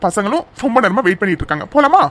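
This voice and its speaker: Very animated and very fast, a fairly bright medium-pitched voice plays a loving young man in a cartoon romance, pleading with and coaxing his tearful fiancée while being playfully bossy. There's slight background noise in this voice acting clip.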